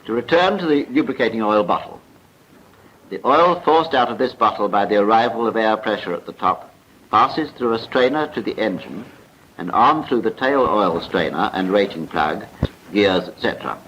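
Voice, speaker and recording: A British man narrates a formal, precise script in the manner of a 1940s military training film, recorded as a film voice-over. His voice sits on the low side and is fairly bright and animated, at a normal speed. The soundtrack is muffled and noisy, typical of the 1940s.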